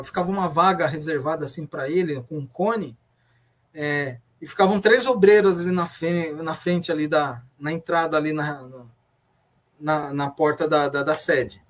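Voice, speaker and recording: A man with a Brazilian Portuguese accent, a former church member telling his story in an interview, earnest and reflective, often restarting his sentences. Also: a little high. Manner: earnest, reflective, retelling memories with many restarts. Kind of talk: personal testimony in an interview.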